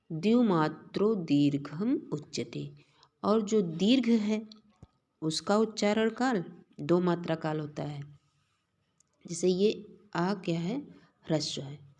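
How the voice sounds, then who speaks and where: A woman teaching Sanskrit grammar in a slow classroom lecture, reciting verses and then explaining them step by step. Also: fairly low pitch, mellow.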